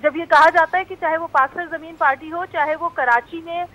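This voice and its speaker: A woman commenting as an analyst on a talk show panel, speaking in a measured way with hesitant fillers. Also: very high voice, steady tone, a bit bright, dull audio.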